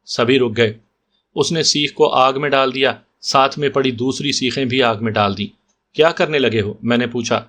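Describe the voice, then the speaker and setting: Man, storyteller, scripted narration, mid-pitched voice. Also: steady tone, fairly bright tone.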